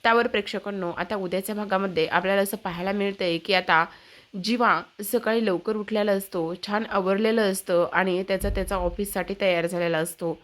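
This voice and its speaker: A woman retelling a TV serial episode for her viewers, in a steady storytelling manner with many fillers. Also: medium pitch, a little fast. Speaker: serial recap narrator.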